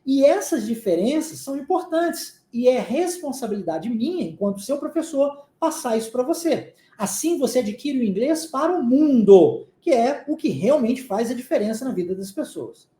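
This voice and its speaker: A man's voice: extremely high pitch, sing-song, moderate pace, few pauses, warm tone, reverberant. A man from Minas Gerais with a Minas Gerais Brazilian Portuguese accent, an English teacher giving a recorded online lesson and checking in often with short questions.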